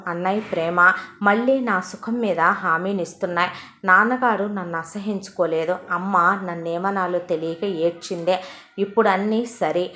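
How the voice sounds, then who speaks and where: A woman voicing a hopeful, grateful young woman in a soft, earnest monologue for an audio story. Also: on the low side, echoey room.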